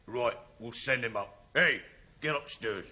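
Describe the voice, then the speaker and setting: A man doing a gruff, deep stage doorman. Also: a little slow, pushed and bright. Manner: curt, barking commands. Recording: roomy studio with audience noise.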